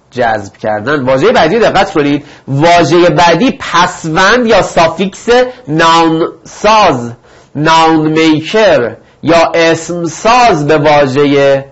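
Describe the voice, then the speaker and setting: A man's voice: medium pitch, husky, highs cut off. A male teacher giving a recorded vocabulary lesson, reading each word twice before explaining it and speaking directly to his students. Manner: reads each word twice, then gives its meaning; encouraging, addresses students directly. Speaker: English teacher.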